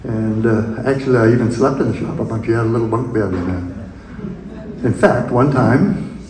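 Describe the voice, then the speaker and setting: An older man reminisces about his youth, pausing, restarting and chuckling softly. His mid-range voice sits in a roomy, echoing museum space. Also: mid-range voice, background noise. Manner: rambling, halting storyteller with chuckles. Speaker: invited speaker. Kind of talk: telling personal memories at an event. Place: room at a museum event.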